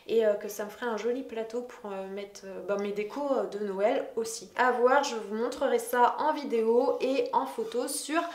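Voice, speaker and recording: A woman's voice: fairly high pitch, fairly even intonation, moderate pace, hardly any pauses. Woman doing a casual decor haul vlog, upbeat and chatty, lots of ums, echoey room. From France. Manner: chatty, enthusiastic, lots of hesitations. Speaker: decor vlogger.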